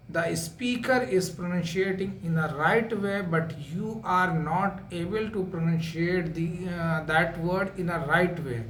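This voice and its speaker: A man giving a spoken English lesson, talking slowly with lots of repetition and filler sounds. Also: sits high, fairly bright tone, a little hiss or hum. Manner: slow, repetitive, many filler uhs. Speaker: English teacher. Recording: echoey room with faint ambience.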